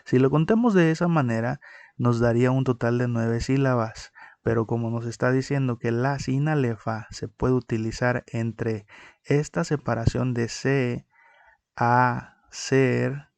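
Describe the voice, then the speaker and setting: A man's voice: mid-range voice, creaky, darkish tone, dry recording. A man teaching a recorded lesson on poetic meter, explaining step by step and counting syllables aloud.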